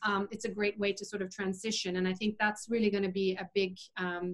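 A woman's voice: mid-range voice, level tone, rapid-fire, a bit bright. A woman talking as an interview guest over a video call, earnest and opinionated, with frequent fillers as she explains things. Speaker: interview guest, vegan chef. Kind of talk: casual conversational interview.

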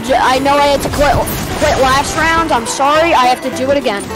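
Excitable high-voiced woman gamer. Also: brisk. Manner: excitable, playful trash talk. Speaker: gamer streaming with a friend. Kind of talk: excited gameplay chatter. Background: game music.

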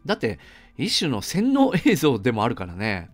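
Chatty man reviewing a film, lively pitch. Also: normal speed, faint music behind. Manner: chatty, conversational asides, frequent fillers. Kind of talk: casual solo film review.

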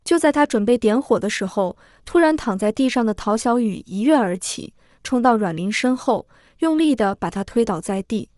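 Woman narrator reading a story, kinda high, dead dry. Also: expressive, normal speed, hardly any pauses, darkish tone, dry recording.

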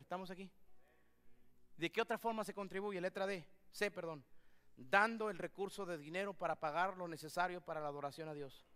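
A pastor preaching a sermon in a church, his voice high and bright. He speaks with a clear, smooth tone, swinging between quiet teaching and loud, fervent prayer. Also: long reverb tail. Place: church sanctuary.

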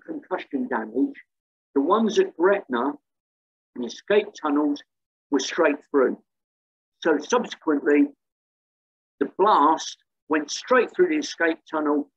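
A man's voice: a little high, slightly rough, lo-fi sound. A man giving a slide lecture on local history, hesitant, with many ums and restarts. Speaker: museum talk speaker.

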